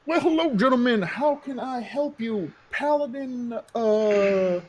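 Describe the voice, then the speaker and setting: A man voicing a pompous middle-aged town mayor who talks in a formal, smooth, hesitant way. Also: very high-pitched, slow, darkish tone, slight background noise, pitched above the performer's own voice. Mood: courteous.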